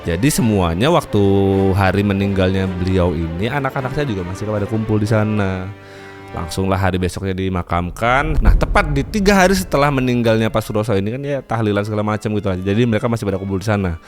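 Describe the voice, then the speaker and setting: Male host telling a story, rapid conversational delivery with lots of asides, soft music bed. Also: lowish voice. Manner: chatty, with many fillers and asides. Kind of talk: casual horror story narration.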